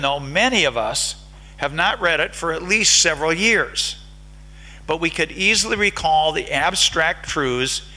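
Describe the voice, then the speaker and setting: Bright-voiced American man lecturing. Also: fairly high pitch, poor audio. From United States. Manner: engaging, polls the audience with questions. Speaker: conference speaker. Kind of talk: academic lecture. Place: lecture hall.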